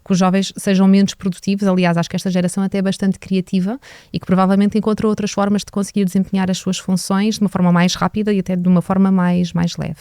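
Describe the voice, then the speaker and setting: A woman from Portugal, speaking with a European Portuguese accent, appears as an HR director guest on a business podcast. She talks fast yet earnestly and reflectively, hesitating often, in a warm, smooth mid-range voice with little pitch movement. The studio-quality recording has no room sound.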